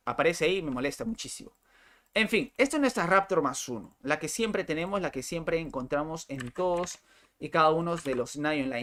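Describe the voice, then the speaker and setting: A man's voice: high-pitched, fairly bright tone. A young male streamer talks over live gameplay. He is chatty and exclamatory, and he repeats his words as he reacts. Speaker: game streamer.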